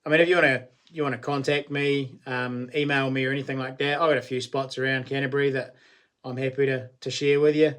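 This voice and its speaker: A man of about 48 or so, late forties, with a strong New Zealand accent runs a laid-back livestream, responding to comments in slangy, blokey fashion. His voice sits mid-range, smooth and a bit bright, with little pitch movement and a brisk delivery.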